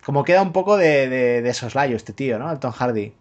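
A man's voice: mid-range voice, animated, brisk, darkish tone, highs cut off. A man from chatting casually about films on a podcast, rambling with fillers and tag questions and swearing freely. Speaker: podcast co-host. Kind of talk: casual film chat.

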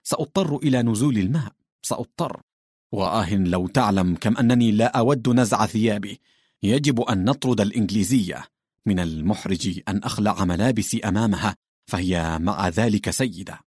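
A man voicing a hefty, crude male landowner who grumbles and shouts in exasperation. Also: lowish voice, brisk, breathy edge, no echo, clean studio sound. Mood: grumbling.

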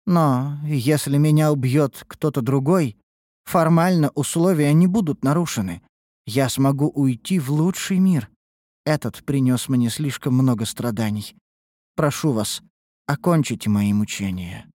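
A man's voice: medium pitch, a little slow, darkish tone, no echo, clean studio sound, voice pushed up, natural voice. A man doing a broken, sorrowful captive elf woman. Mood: pleading. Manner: mournful, weary. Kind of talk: audiobook character voice.

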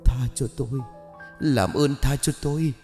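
A man voicing the ghost of a murdered woman, pleading and shrill in an eerie way. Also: measured pace, warm tone, big-room sound, faint music behind, close to an everyday voice. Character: wailing vengeful female ghost, murdered woman.

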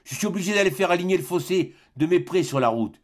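Brief: man voicing a cold, curt old miser, flat calm storybook father. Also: high voice, quick pace, pitched above the performer's own voice. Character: stern miserly old male winegrower.

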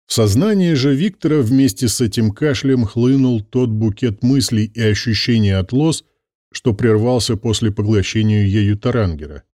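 A man reading an audiobook aloud, with expressive scripted narration. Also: medium pitch, normal speed, no echo, clean studio sound.

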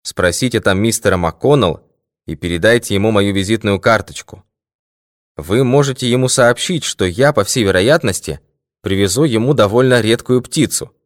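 A male audiobook reader voicing a calm, confident middle-aged detective in a composed, measured tone. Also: fairly low pitch, no room sound, clean studio sound, voice pushed up, lightly acted. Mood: assured. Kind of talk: audiobook character voice.

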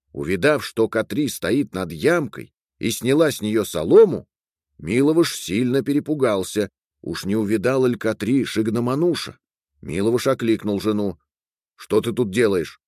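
A man narrating a folk tale in an expressive way, reading all the characters' parts himself. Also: on the low side, no echo, studio quality. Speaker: storyteller.

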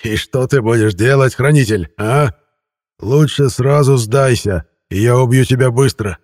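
A man voicing a gloating old undead ghost guarding a treasure, croaking with spiteful, drawn-out menace. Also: medium pitch, a little mellow, no room sound, clean studio sound, natural voice. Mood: taunting.

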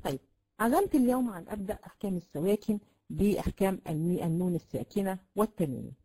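Fast-talking Egyptian woman teaching. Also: mid-range voice, expressive, mellow, poor audio. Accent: Egyptian Arabic. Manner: explains patiently, repeats sounds to demonstrate, many drawn-out fillers. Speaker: Quran recitation teacher. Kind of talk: classroom lesson.

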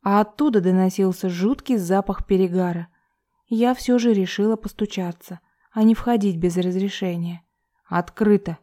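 A woman reading a first-person novel as an audiobook in a calm, even way. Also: mid-range voice, moderate pace. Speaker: audiobook narrator.

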